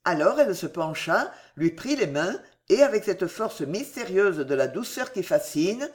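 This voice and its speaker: Guy reading an old-style novel out loud, very animated voice, theatrical. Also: sits high, unhurried. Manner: expressive, theatrical. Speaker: narrator. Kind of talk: dramatic audiobook narration.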